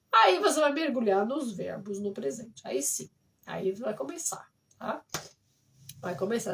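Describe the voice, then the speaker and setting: A Brazilian woman with a fairly high voice chats on a live stream about teaching French, telling her stories in a lively way. She sits a little back from the microphone, so her voice sounds slightly distant. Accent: Brazilian Portuguese. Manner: lively storyteller who acts out dialogue. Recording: voice somewhat distant from the mic.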